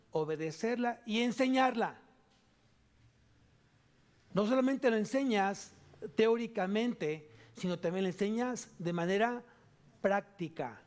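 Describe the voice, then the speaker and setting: Emphatic high-voiced Mexican pastor preaching. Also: male voice. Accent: Mexican Spanish. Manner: emphatic, repeats key phrases, shifts between loud and soft. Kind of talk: sermon. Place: church sanctuary.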